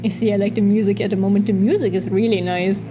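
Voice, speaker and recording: A woman's voice: mid-range voice, steady tone, quick pace, music in the background, poor audio. A woman streamer chatting casually while playing a game, often giggling and reading the game's text aloud. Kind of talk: casual game let's play commentary.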